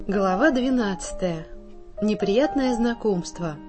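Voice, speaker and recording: A woman narrating a children's storybook, reading slowly and in a measured way. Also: mid-range voice, expressive, music in the background. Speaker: audiobook narrator.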